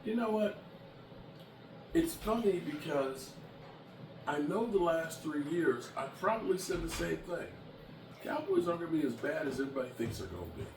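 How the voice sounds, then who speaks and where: A man in his late fifties, speaking as a sports vlogger, chats to camera bluntly and emphatically, his mood moving from annoyed to heartfelt. His voice is on the high side and very animated, at a normal speed with long pauses. He's recorded from a distance in an echoey room with background noise.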